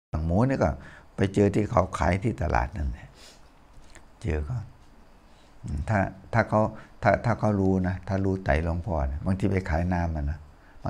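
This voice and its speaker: A man's voice: sits low, mellow, slightly rough. An older man, a Buddhist monk, giving a casual, folksy sermon full of anecdotes and chuckles. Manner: chatty, folksy, chuckles while telling stories.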